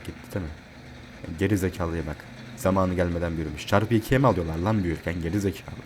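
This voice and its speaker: A man playing a horror game and commenting, joking and swearing, yelling in panic when chased. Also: deep voice, fairly even intonation, quick pace, background noise. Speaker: gamer.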